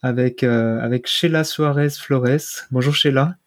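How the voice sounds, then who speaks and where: A man's voice: mid-range voice, steady tone, unhurried. A man hosting a podcast, introducing his guest in a casual manner and often stumbling and repeating words. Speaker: podcast host.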